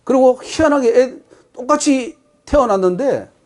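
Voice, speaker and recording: Speaking in a Gyeongsang Korean accent, a male pastor preaches an emphatic sermon at a moderate pace, his high voice swooping up and down. He is expressive and a little mellow, and he keeps putting rhetorical questions to the congregation.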